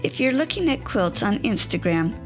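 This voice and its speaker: A woman's voice: mid-range voice, sing-song, normal speed, soft background music. A woman hosting a podcast, reading a scripted introduction and then asking interview questions with enthusiasm. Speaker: podcast host.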